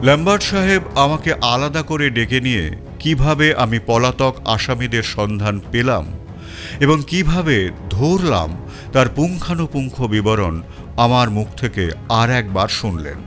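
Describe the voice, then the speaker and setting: Reading a detective story told in the first person, this man's voice swings up and down through every line with dramatic expression. He stays in a middle register and doesn't hurry. Soft background music accompanies him.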